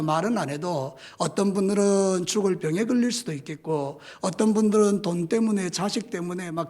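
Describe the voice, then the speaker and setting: A man preaching a sermon as pastor in a church, telling the story vividly and acting out voices and shouts. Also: sits high. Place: church sanctuary.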